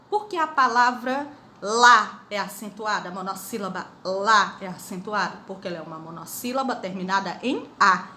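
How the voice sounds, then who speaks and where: A middle-aged Brazilian woman teaching a grammar lesson to schoolchildren, explaining slowly and asking the pupils questions. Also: medium pitch, sharp tone. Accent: Brazilian Portuguese. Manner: slow, drawn-out explanations with repeated questions to pupils. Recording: echoey room with faint noise.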